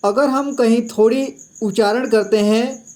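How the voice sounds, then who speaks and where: A man's voice: extremely high pitch, steady tone, measured pace, a little mellow. A man teaching Hindi syllables in a patient classroom style. He repeats each sound and checks in often. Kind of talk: slow classroom-style explanation.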